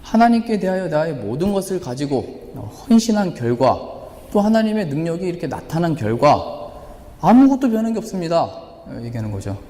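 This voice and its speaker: A man's voice: a little high, sing-song, normal speed, warm tone. A man pastor preaching a sermon, asking rhetorical questions and voicing God and the prophet in turn. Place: church hall. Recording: echoey church hall.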